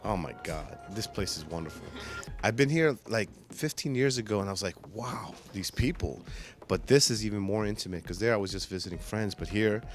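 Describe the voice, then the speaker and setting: A man's voice: lowish voice, expressive, fairly quick, soft background music. A man, an actor, talking enthusiastically and effusively in a casual interview.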